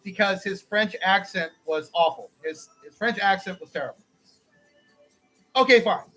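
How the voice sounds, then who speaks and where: A man co-hosting a casual chat podcast, giving blunt, profane opinions with animated energy. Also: high-pitched, moderate pace, soft background music, rough recording. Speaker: podcast co-host.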